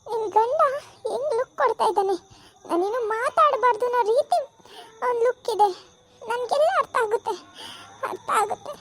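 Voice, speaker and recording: A woman's voice: very high-pitched, moderate pace, long pauses, faint music behind. A woman playing a young wife, a rich man's daughter who was tricked, sobbing through laughter in a comic village skit. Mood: bitter.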